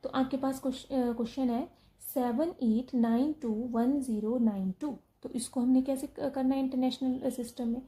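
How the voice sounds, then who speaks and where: A woman maths teacher explains each step patiently, asking questions and answering them herself. Her voice sits a little high but sounds deeply warm and mellow. She slows right down to read out long numbers digit by digit. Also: steady tone, low-quality recording. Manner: reads out digits slowly one by one.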